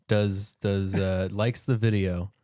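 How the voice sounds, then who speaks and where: A man joining a casual chat, making joking deadpan offers. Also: lowish voice, slow, dry recording.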